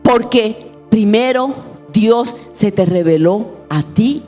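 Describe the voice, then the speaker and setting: A woman's voice: a little high, animated, takes it slowly, mellow, soft background music. A middle-aged woman pastor preaching a sermon with passion, acting out dialogue from the stories she tells. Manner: impassioned preaching, acts out biblical dialogue.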